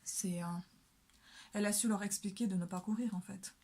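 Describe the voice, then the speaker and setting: A woman's voice: mid-range voice, steady tone, normal speed, darkish tone. A young woman chatting casually while doing her makeup, full of hesitations and fillers. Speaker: beauty vlogger.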